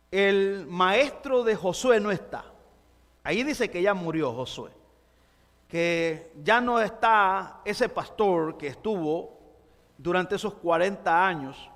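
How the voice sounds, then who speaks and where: A man's voice: sits high, in a large hall. A man pastor preaching a sermon, emphatic and repetitive as he addresses the congregation. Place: church sanctuary.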